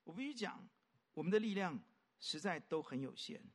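A man preaching a sermon as a pastor. He keeps asking rhetorical questions and swings from loud, emphatic lines to soft, quiet ones. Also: high voice, very animated, moderate pace.

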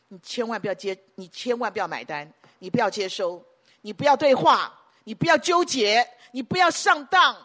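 A woman pastor delivers an emphatic sermon in a fairly high, animated voice at a moderate pace, stacking repeated phrases and erupting into sudden loud bursts.

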